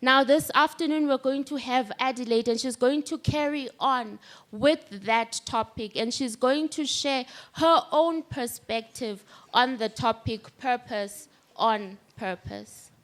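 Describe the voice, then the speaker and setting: A woman leading a church service, explaining a scripture passage slowly and deliberately before introducing the speaker. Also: high-pitched. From South Africa. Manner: slow, deliberate, explaining step by step. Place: church hall.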